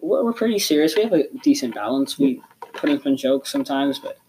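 A man's voice: fairly high pitch, expressive, brisk, darkish tone, breathy edge, low-quality recording. A teenage boy co-hosting a podcast in casual chat, filling his speech with "like". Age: teens. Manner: casual, heavy use of "like". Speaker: podcast co-host.

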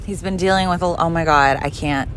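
A woman's voice: on the low side, a little fast, fairly bright tone, a little hiss or hum. Blunt, swearing woman ranting while driving. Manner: blunt, profane and rambling. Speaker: podcast host and mother. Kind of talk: casual driving vlog rant.

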